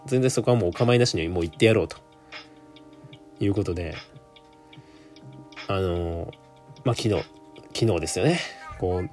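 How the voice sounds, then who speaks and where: A man's voice: deep voice, darkish tone. A young man, telling a work story in a chatty solo monologue full of asides. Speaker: solo podcaster. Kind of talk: casual monologue.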